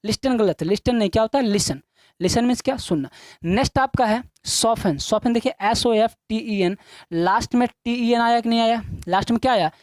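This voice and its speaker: A woman's voice: a little high, a little fast, a little mellow, no echo. A woman teaching an English lesson, asking questions and answering them herself, repeating each point to her students. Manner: repetitive drilling, addressing students as children. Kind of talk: classroom-style video lesson.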